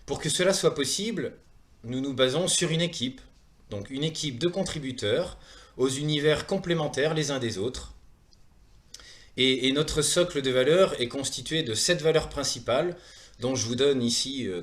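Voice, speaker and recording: Presenting a wellness training programme, a medium-pitched man in his thirties speaks with the accent of France, where he comes from Saumur in Maine-et-Loire. The presentation is semi-prepared, and he delivers it earnestly but hesitantly, pausing often and repeating words.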